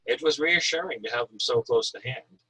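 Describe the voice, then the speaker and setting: An American author from Northern Maine reads prose from his own thriller and talks informally about writing. His medium-pitched voice moves a little fast, with a sharp, slightly rough tone. The recording is rough.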